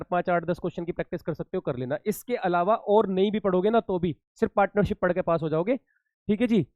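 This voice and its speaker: A man's voice: sits high, darkish tone, dry recording, lo-fi sound. A man teaching commerce students in a casual exam-tips lesson, chatty and reassuring, calling them beta.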